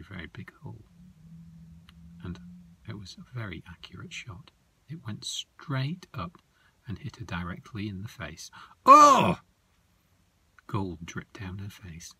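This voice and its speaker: A man narrating a children's story softly and slowly, often dropping into a whisper. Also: low-pitched, a little hiss or hum. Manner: slow, soft, often whispery.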